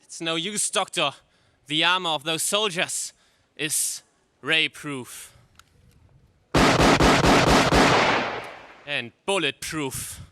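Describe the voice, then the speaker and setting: A man's voice: on the high side, slow pace, loud music behind the voice. A man playing a proud, earnest rebel prince with formal, declamatory delivery in a space serial radio drama. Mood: alarmed.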